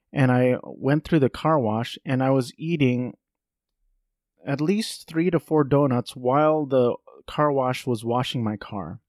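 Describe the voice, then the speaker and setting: A man's voice: mid-range voice, a little mellow, no room sound, clean studio sound. A man in his thirties hosting a solo comedy podcast from his home office, rambling and swearing with self-mocking asides. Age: 30s. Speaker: podcast host.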